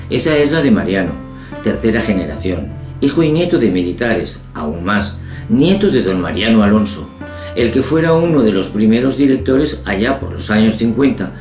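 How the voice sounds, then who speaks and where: A man with a low voice hosts an interview, speaking in a measured, formal way. His words ring out in a roomy space. Faint guitar music plays underneath. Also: big pitch swings. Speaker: interviewer and host. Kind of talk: scripted introduction then interview.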